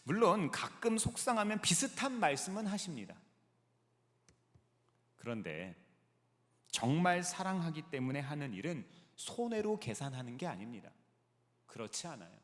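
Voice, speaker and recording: Lively male pastor in a reverberant sanctuary. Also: fairly high pitch, unhurried, pauses often. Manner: lively preaching with rhetorical questions to the congregation. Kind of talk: sermon. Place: large church sanctuary. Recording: long reverb of a large sanctuary.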